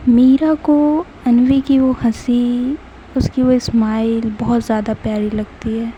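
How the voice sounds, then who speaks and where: A woman calmly narrating an audio story. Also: a little high, a little slow, highs cut off, a little hiss or hum.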